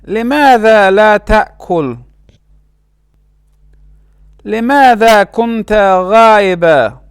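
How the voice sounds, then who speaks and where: A man leads a language lesson at a very slow, deliberate pace, repeating each word with care. His voice sits high and sounds smooth and clear. The recording is dry and close. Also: lively intonation, no room sound. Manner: slow, careful pronunciation with repeated words. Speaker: language teacher.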